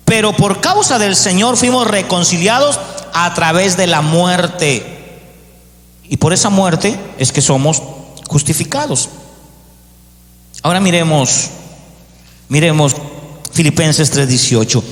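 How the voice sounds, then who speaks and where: Preaching man in an echoey church. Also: fairly high pitch. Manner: preaching with rising emphasis, acting out doubters. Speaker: pastor. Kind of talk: sermon.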